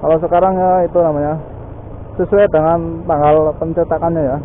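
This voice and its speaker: Riding his motorbike on outdoor city streets, a motovlog host keeps up chatty talk peppered with "ya" and "guys." The voice is high, thin and phone-like, moving fairly quickly with little change in pitch, while faint traffic hums in the background.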